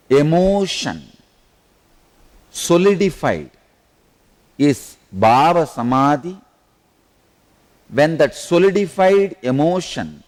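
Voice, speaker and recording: South Indian man telling a spiritual story. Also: a little high. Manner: laughs while telling stories, slow deliberate phrasing. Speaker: spiritual teacher. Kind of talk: storytelling discourse.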